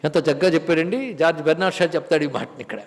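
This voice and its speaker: High-voiced man preaching in a hall. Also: rapid-fire. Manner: rhetorical questions, chants verses. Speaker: spiritual teacher. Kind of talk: religious discourse on scripture. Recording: long hall reverb.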